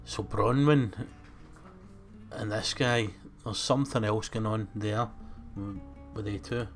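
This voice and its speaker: A somewhat low male voice giving relaxed gameplay commentary. He talks in quiet, muttered asides to himself. Faint game music plays behind him. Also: takes it slowly.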